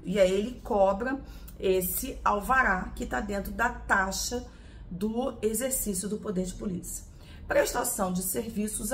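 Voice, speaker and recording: A woman's voice: medium pitch, gravelly, a bit bright, slight background noise. A woman from Brazil teaching a lesson, explaining step by step and answering her own questions. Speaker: law teacher.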